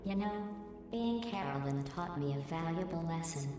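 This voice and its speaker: A woman voicing a coldly sardonic female artificial intelligence in a video game, speaking in a measured, deadpan, condescending way. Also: low voice. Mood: coolly sincere, dry. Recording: roomy long reverb under game music.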